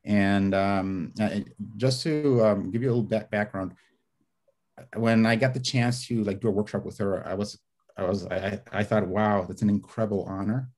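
Talking over a webcam from a bookshelf-filled home study, this Spanish-speaking screenwriter rambles in a casual interview, gesturing and stumbling through fillers and restarts. He speaks at a normal pace in a lowish, slightly mellow voice with fairly even intonation.

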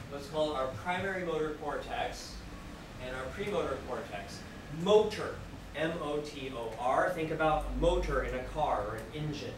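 A man giving a classroom lecture to students, lively and acting out examples as he explains. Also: fairly high pitch. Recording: very echoey room, distant mic, background noise.

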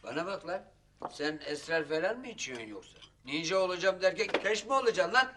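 An actor playing a gruff, blunt father who has been drinking. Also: high-pitched, animated, fairly quick, noisy background. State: drunk. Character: Zekeriya, gruff drunk father. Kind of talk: TV comedy-drama acting.

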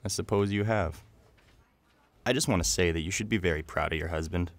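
Male actor as kindly office colleague for puppet parody; low, sincere, gentle. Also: brisk, dry recording, close to an everyday voice. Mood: earnest, subdued. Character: kindly, earnest young office man.

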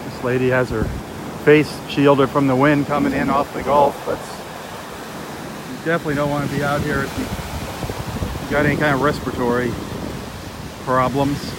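A man with a mid-range voice hosts a live walking vlog on a windy beach by the surf, talking earnestly and with dismay as he goes. His pitch barely moves, his pace is moderate, and he pauses often. Wind and surf noise hit the mic, with crashing waves behind him.

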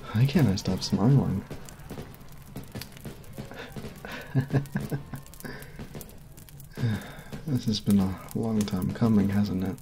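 A voice actor portrays a sweet, goofy male college jock and best friend for ASMR roleplay, speaking slowly with a low, dark-toned voice. He comes across flustered, earnest and apologetic, recorded on a close binaural microphone.

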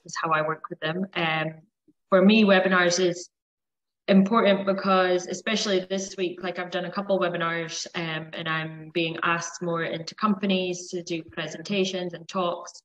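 Female coach, lower pitch, casual and a bit rambling, video-call sound. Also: fairly even intonation, moderate pace, fairly bright tone, rough recording. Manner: casual, searching for words, uses fillers. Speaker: holistic health coach. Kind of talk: self-introduction on a group call.

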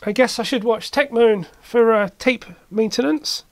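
Someone making a repair video offers casual, hesitant commentary while working, almost like thinking aloud, in an indoor electronics workshop. Their mid-range voice moves at a normal speed, and there's no echo.

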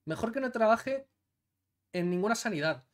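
Seated in a small indoor room glowing with blue LED light, this thirty-something man from Catalonia reacts to clips with indignant, emphatic commentary. His voice sits high and sounds animated, moving at a moderate pace.

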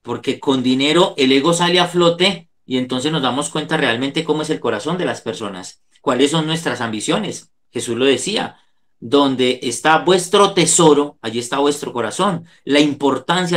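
Over a video call microphone, a middle-aged man with a Colombian accent, who is a psychologist, offers an earnest, sermon-like devotional talk from an indoor room. The tone is fairly bright, the pitch medium, and the pace moderate.

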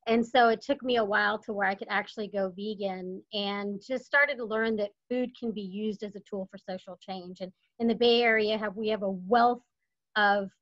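A woman's voice: mid-range voice, steady tone, moderate pace, a bit bright. A woman in her fifties from Texas, speaking as a panelist on a video call from home, telling her story in an earnest, reflective way. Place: home room, indoors. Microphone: webcam on video call. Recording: dull lo-fi call audio.

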